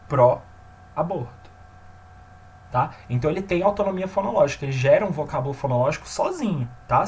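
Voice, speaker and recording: A man teaching a grammar lesson, often checking in with his listeners and slowing down to stress key terms. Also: fairly high pitch, darkish tone, a little hiss or hum.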